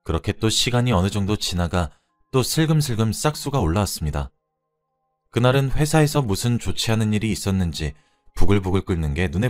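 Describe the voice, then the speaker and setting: A man reads a first-person story aloud with a low voice. His delivery is expressive, with pitch rising and falling a lot. He tells it like a dramatic confession.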